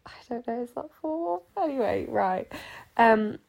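Lively and a little high-pitched, this eighteen-year-old Sheffield podcast host talks at a normal speed in a creaky, slightly mellow voice. Her casual chat wanders, broken up by self-interruptions and giggling asides.

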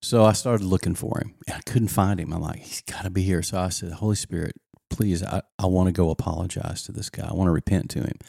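Male co-host, very low gravelly voice, dark tone, lively storyteller for faith podcast. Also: fast, no room sound, studio quality. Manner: animated storyteller, acts out quoted lines. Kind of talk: casual faith chat.

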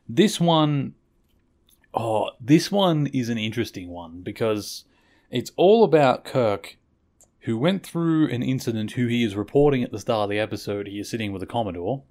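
A man hosting a podcast, recapping an episode in a rambling, chatty way and often correcting himself. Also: mid-range voice. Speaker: podcast host.

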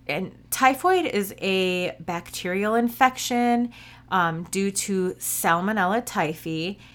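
A woman's voice: lowish voice, a bit bright. A woman hosting a podcast, telling true stories in a casual, informal way with some swearing. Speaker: podcast host.

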